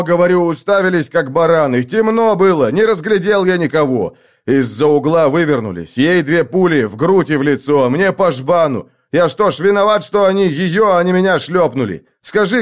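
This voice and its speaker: A man's voice: lowish voice, lively intonation, slow pace. A man voicing a big clumsy young man who whines and defends himself. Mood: defensive shouting. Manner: whining, defensive.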